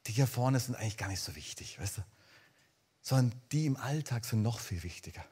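A man preaching a lively sermon, talking straight to his listeners and swinging between loud calls and soft, hushed lines. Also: mid-range voice, breathy edge.

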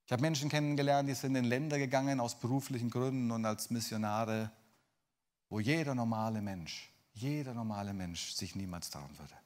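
A man preaching a sermon, addressing listeners directly and swinging from loud dramatic bursts to hushed, near-whispered lines. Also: medium pitch, a little fast.

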